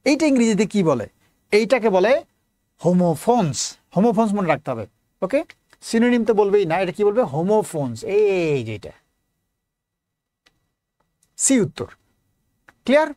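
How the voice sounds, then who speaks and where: A man's voice: high-pitched, sing-song, moderate pace, pauses often, warm tone, no room sound. A man teaching exam prep, asking questions and answering them himself, repeating the key answers. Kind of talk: lecture mixing Bengali and English.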